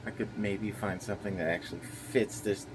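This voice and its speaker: A young man with a slightly nasal voice on the low side speaks at a moderate pace in a steady tone, with background noise. As a vlogger, he chats loosely about his day's plans, rambling with plenty of fillers.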